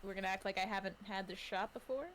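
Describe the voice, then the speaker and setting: A woman's voice: mid-range voice, quick pace, a bit bright, slight background noise. A woman playing a tabletop game, joking and teasing the game master. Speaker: player. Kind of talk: tabletop role-play banter.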